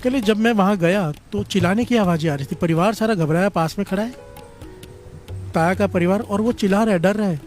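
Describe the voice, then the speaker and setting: A man's voice: sits high, a little fast, darkish tone, faint music behind. A man preaching a Sikh storytelling sermon, calling the congregation to answer back again and again. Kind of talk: storytelling sermon with call-and-response.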